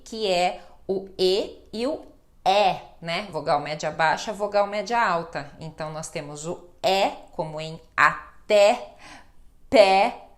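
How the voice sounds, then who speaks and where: A woman's voice: mid-range voice, a bit bright. A Brazilian woman teaching Portuguese pronunciation, patient and reassuring as she spells out example words. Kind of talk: slow pronunciation lesson.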